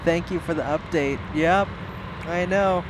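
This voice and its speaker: A man's voice: a little high, measured pace. A man hosting a casual plane-spotting livestream, chatting and exclaiming as he comments and reads viewer messages aloud. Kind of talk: casual live commentary and chat. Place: outdoors by an airport. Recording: outdoor airport noise, aircraft and vehicles. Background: aircraft and vehicle noise.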